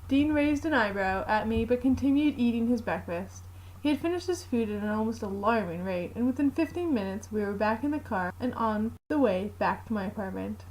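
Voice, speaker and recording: A woman narrating a fanfiction aloud in the first person, with a steady, plain reading. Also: fairly high pitch, a little fast, low-quality recording.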